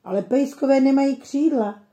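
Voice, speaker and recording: A woman voicing a kindly old grandfather in a storybook reading, gentle and teaching. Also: high voice, echoey room, pitched above the performer's own voice, lightly acted. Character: kindly old grandfather telling children stories.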